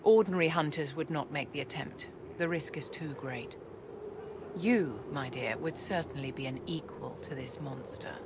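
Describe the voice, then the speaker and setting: In video game cutscene acting, a woman voices a haughty, genteel court enchantress from a fantasy game, her voice fairly low. She's composed and guarded, speaking in measured, formal phrases with lofty courtesy, amid clear background noise and ambience.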